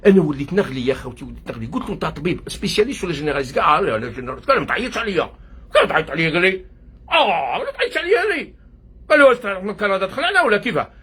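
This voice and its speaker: A man with an Algerian accent rants in a grieving, near-tearful monologue, and his words pour out at a breakneck pace. His voice is rather high and very breathy and husky, and he keeps switching between Arabic and French. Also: sing-song, very fast, bright, forceful tone. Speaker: doctor working abroad. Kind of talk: emotional video monologue. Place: hospital workplace.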